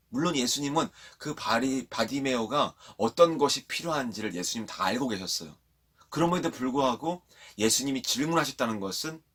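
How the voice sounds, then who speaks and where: A man preaching a sermon to children at a church online service, telling the story in a lively way and asking the children questions. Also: fairly low pitch, husky.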